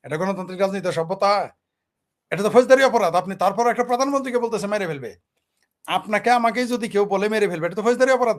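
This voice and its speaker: A man from Bangladesh, giving political talk show commentary in an emphatic way, firing off rhetorical questions. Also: high-pitched.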